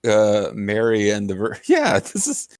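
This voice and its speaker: A man's voice: on the low side, huge pitch swings, unhurried, darkish tone, no echo, studio quality. A man giving casual gameplay commentary with sarcastic jokes and frequent laughter. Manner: sarcastic, joking, laughs often. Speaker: co-host of a gameplay video.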